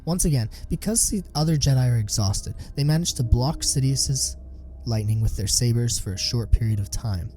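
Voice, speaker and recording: A man giving scripted narration of a sci-fi story in an even storytelling manner. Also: mid-range voice, normal speed, faint music behind.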